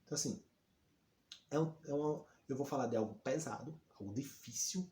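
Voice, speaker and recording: A man teaching a lesson, asking rhetorical questions and answering them himself, sometimes acting out example lines in a higher voice. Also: fairly quick, warm tone, echoey room. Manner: asks and answers his own questions, lots of rhetorical questions. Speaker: Portuguese teacher. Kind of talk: lively explanatory lesson.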